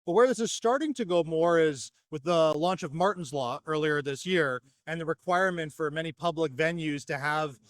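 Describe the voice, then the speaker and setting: Interviewed in a trade show exhibition hall, a North American company representative delivers a fluent, well-structured product explanation. His pitch is fairly high and his pace moderate, with hardly any pauses, in a dry recording.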